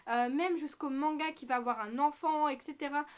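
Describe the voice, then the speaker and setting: A young woman talking in an unscripted casual vlog, animated and ironic, with slang and many fillers, speaking to a camera at home. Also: high voice, moderate pace. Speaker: anime vlogger. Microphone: camera mic.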